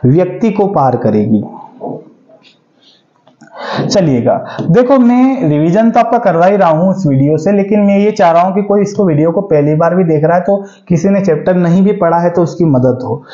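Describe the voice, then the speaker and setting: A man's voice: high voice, lively intonation, moderate pace, warm tone, reverberant, lo-fi sound. Hindi-speaking math teacher quizzing his class. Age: 40s. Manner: coaxing, asks questions and answers them himself. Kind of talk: exam-prep math lesson.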